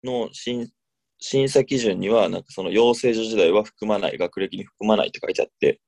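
A young man with a Kansai accent talks casually on a radio show. His voice is on the low side with plenty of fry. He sounds groggy and hesitant, in a close, dry recording. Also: darkish tone, dry recording. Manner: hesitant, slow-witted, groggy. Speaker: radio show co-host, novice comedian.

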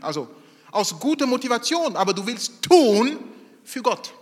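A man preaching a sermon in an animated way, acting out the voices of people in his story. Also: sits high, long reverb tail. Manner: animated, acts out quoted voices.

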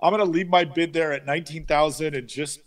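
A man's voice: fairly high pitch, steady tone, fast talker. A man co-hosting a car auction talk show, wisecracking and laughing often in casual banter.

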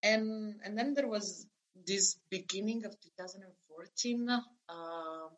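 A woman's voice: mid-range voice, a little slow, highs cut off. A woman in her thirties from Italy, telling her story as a guest in a conversational interview, hesitant with many fillers and restarts.

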